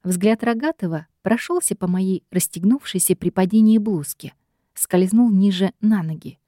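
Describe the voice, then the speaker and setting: A woman reads first-person fiction aloud with expressive, ironic storytelling. Her voice is warm and mellow. The recording is dry and close. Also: mid-range voice, moderate pace, no room sound. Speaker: audiobook narrator.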